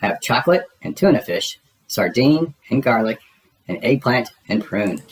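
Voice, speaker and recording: A man reading a storybook, voicing a gruff, contrary, teasing grouch monster who lives in a trash can. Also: medium pitch, big pitch swings, moderate pace, close to an everyday voice, low-quality recording. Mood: sly, teasing.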